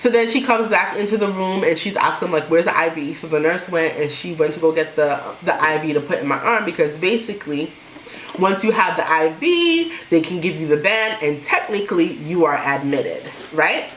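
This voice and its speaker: A young woman vlogger telling a personal story in a casual, animated way, laughing now and then. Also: on the low side, normal speed. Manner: animated, laughs while telling, imitates others. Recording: echoey room with faint noise.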